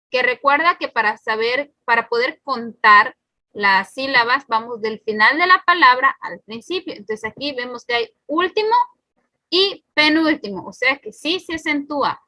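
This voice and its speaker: A woman's voice: sits high, sharp tone, no echo. A woman teacher giving a recorded spelling lesson, patiently explaining each rule step by step and repeating it. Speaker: primary school teacher.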